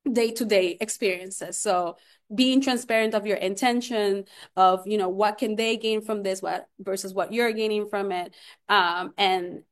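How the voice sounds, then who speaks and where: A woman's voice: mid-range voice, fairly even intonation, measured pace. A woman from Puerto Rico speaking on a panel as a community researcher, earnest, with frequent restarts and fillers. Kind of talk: panel discussion.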